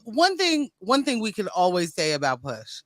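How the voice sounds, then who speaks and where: A man co-hosting a podcast in casual chat, animated and laughing, heavy on slang. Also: high voice, moderate pace, no echo, clean studio sound. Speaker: podcast co-host.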